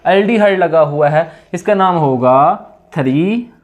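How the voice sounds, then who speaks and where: A man's voice: on the high side, expressive, measured pace, narrow, tinny audio. A man teaching chemistry in a classroom-style lecture with a sore throat, asking students questions and answering them himself in repeated call-and-response.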